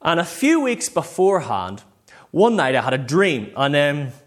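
Speaking at a normal speed in a fairly high, very animated voice, a male preacher with a Northern Irish accent chats his way through an informal sermon. Personal stories, self-quotes and brief acted-out exchanges run throughout.

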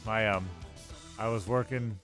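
A man's voice: fairly low pitch, steady tone, unhurried, over music. A man hosting live sports talk radio, emphatic and often repeating his phrases.

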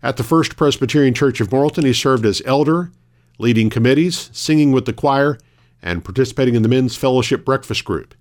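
Measured male local radio news announcer. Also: medium pitch. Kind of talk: scripted morning radio news reading with weather and obituaries.

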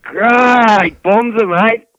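A man plays a blokey, not-too-clever Australian pub regular with a broad accent for a comic podcast. The voice sits high and sharp, full of laid-back mateyness and slang. It sounds close and dry, through a thin, telephone-like band. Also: very slow, no echo, exaggerated voice. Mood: matey, easygoing. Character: blokey, dim, pub-loving Australian man called Bruce.

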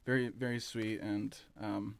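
A man talking as an interview guest about his café, relaxed and rambling, with plenty of fillers and restarts. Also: fairly low pitch, unhurried, vocal fry, dry recording. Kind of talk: casual interview chat.

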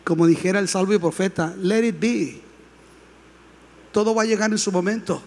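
A male pastor preaching a sermon, building to shouts and calling on the congregation to respond. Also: sits high, fairly even intonation, fast talker. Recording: long hall reverb.

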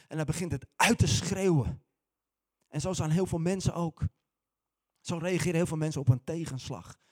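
A male pastor preaching with lively, animated storytelling and playful asides. His voice sits somewhat high for a man, and he talks like he is chatting with the congregation. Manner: conversational, playful humor. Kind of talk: sermon.

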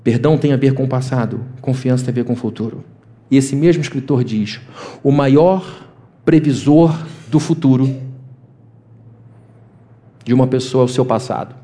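A man preaching a sermon as pastor in a conversational way, acting out quoted voices with sudden jumps in pitch. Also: moderate pace, long pauses, mellow.

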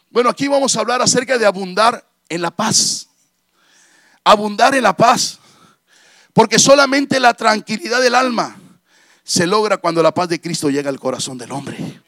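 A middle-aged pastor preaches fervently, with a strikingly high-pitched voice. He repeats his hallelujahs and pushes into shouted peaks. The sound is dry and close, with no room echo. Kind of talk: sermon.

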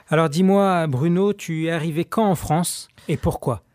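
A man hosting a local radio show, upbeat and quick to laugh while interviewing a guest. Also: on the high side, a little mellow, no room sound, clean studio sound. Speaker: radio host. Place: Paris southern suburbs.

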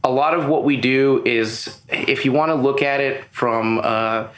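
A business owner appears as a guest in a casual, in-person interview, explaining things at length in a loose, conversational way with many fillers. His medium-pitched, slightly bright voice moves at a measured pace and sounds reverberant in a room with audible echo.

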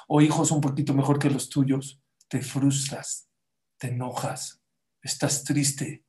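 A man's voice: medium pitch, darkish tone. Emphatic man preaching, echoey room. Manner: emphatic, keeps asking the audience rhetorical questions. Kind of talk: motivational sermon to a live audience.

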